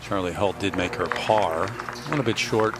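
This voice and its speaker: A man's voice: sits low, moderate pace, loud music behind the voice. A man giving live golf commentary as a broadcast commentator.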